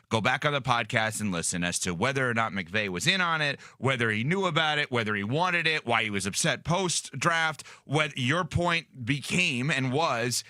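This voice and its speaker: A man's voice: medium pitch, pushed and bright, dry recording, clean studio sound. A man hosting a sports talk show, chatty and emphatic as he sets up clips.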